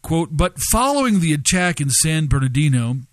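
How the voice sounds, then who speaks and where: A man preaching and reading news aloud, telling a story with many pauses and fillers and stressing key words. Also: a little high, big pitch swings, dry recording.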